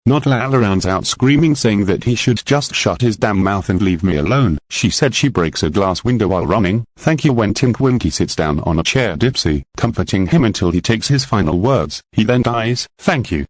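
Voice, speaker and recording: A young man reading a horror creepypasta aloud, halting and stumbling over the words. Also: on the low side, lively intonation, no echo. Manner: halting, stumbling read with slips and repeats. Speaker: creepypasta narrator. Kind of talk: amateur horror story reading.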